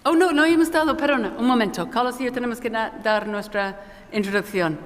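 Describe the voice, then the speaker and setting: A woman with a non-native Spanish accent moderates a conference panel in a slightly high, brisk voice. She's hesitant and keeps correcting herself. Her words echo through the hall with long, cathedral-like reverb.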